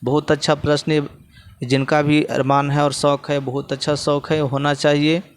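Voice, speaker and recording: A man's voice: fairly high pitch, level tone, moderate pace. A male teacher with a Bihari Hindi accent explains textbook answers to students, often repeating phrases as he points to the page.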